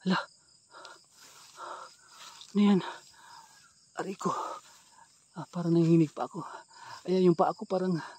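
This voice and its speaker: A man's voice: high-pitched, steady tone, normal speed, long pauses, a little mellow, breathy edge. A man with a Filipino accent hosting a ghost-hunting vlog, startled and shaky as he talks straight to his viewers. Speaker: ghost hunter vlogger. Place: outdoors at night in rural brush. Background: crickets chirping.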